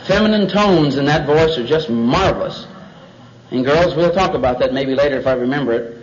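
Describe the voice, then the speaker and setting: Male Bible teacher, high voice, folksy, chatty, on a dull lo-fi recording. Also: normal speed, a little hiss or hum. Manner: chatty, joking asides. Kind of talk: folksy sermon.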